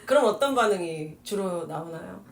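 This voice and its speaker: A woman's voice: on the low side, animated, normal speed, creaky. Woman talking in an echoey room. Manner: reflective, asks the group questions. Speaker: teacher hosting a book discussion. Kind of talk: casual discussion. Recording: echoey room, distant mic, faint background noise.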